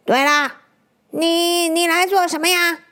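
A woman voicing a gruff but kindly old grandma lizard in a storybook, speaking low and drawn-out. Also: steady tone, bright, forceful tone, full character voice. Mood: grumbling.

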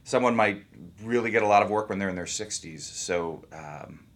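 Man, deep low voice, actor being interviewed, easygoing, thinks out loud. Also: moderate pace. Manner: easygoing, rambling, thinks aloud. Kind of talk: casual interview talk.

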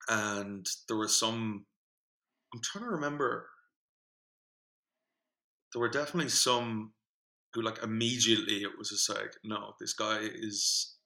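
A young man telling a story in a casual podcast chat, rambling and animated, with many fillers and restarts. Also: fairly low pitch, vocal fry, poor audio. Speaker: podcast co-host, singing group organiser.

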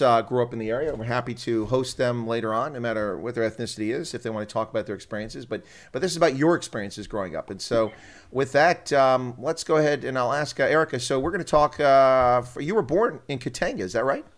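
A man hosting a casual live stream, chatty, fast and full of fillers and restarts. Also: medium pitch.

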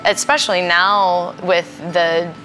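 Thoughtful woman host, lowish voice. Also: fairly even intonation, slow, music in the background, low-quality recording. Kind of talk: casual panel talk.

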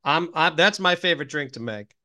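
A middle-aged man co-hosting a casual podcast, rambling with wry, deadpan humor. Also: fairly high pitch, a little fast. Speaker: podcast co-host. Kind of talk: casual chat.

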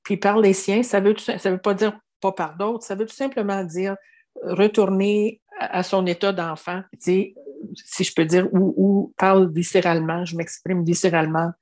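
A woman in her seventies from Quebec, speaking with a Québécois French accent, tells her life story as an interviewee. Her medium-pitched, slightly mellow voice moves at a moderate pace with fairly even intonation. She reflects earnestly, often restarting and saying "tu sais."

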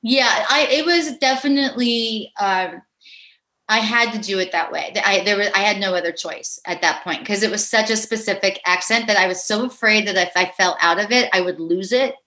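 A middle-aged actress from Pittsburgh, chatting casually in an interview, lively and quick to laugh as she acts out quoted voices. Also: medium pitch. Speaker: actress guest.

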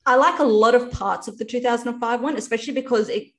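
A woman's voice: a little high, quick pace. A woman hosting a podcast, chatting in an agreeable way in a casual film discussion. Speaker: podcast host.

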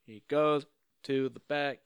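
A man's voice: medium pitch, steady tone, slow, smooth, dry recording, clean studio sound. A man acting as game master, narrating off the cuff in an informal, joking, sweary way. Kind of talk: casual tabletop game narration, improvised.

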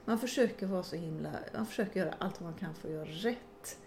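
Lively middle-aged woman telling stories. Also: fairly low pitch, slight background noise. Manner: lively storyteller, laughs and swears often. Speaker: podcast co-host. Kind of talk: casual chat and storytelling.

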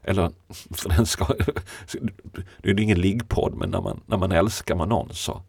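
A man with a very deep, gravelly voice talks things over in a slow, reflective conversation. His tone is husky and the sound is close and dry, with frequent laughter between musing thoughts. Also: steady tone, darkish tone, no echo. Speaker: poet, podcast guest.

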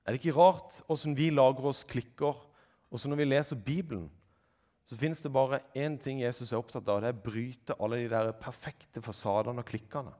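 A man delivers a sermon with a mid-range voice. He reads Bible passages aloud, lifting his pitch to act out the voices, then comments on them in a plain, conversational tone. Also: warm tone. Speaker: preacher.

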